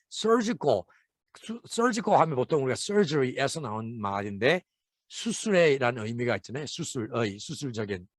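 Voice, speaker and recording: A man explaining Bible verses word by word as an English lesson, reading the English phrases slowly and carefully. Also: mid-range voice, dry recording, clean studio sound.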